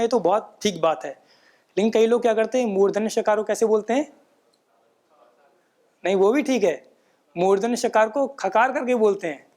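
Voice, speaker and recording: A man giving a patient, explanatory lesson on pronunciation, often checking in with tag questions and chanting rules in a measured recitation. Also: high-pitched, darkish tone. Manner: patient, repeats points with frequent "है ना" tag questions. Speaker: Sanskrit pronunciation teacher. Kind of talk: explanatory lecture.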